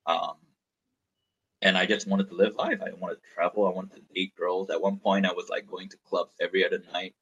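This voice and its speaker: A thirty-something startup founder from Malaysia gives a frank, somewhat rambling interview account, repeating words as he works through his thoughts. He talks briskly in a low, steady, fairly bright and slightly rough voice, recorded lo-fi.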